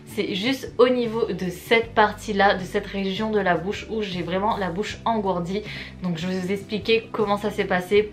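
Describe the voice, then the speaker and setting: Casting: female online storyteller, mid-pitched voice, chatty and expressive, speaking casually straight to viewers. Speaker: YouTube vlogger. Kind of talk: story time vlog, casual chat to viewers.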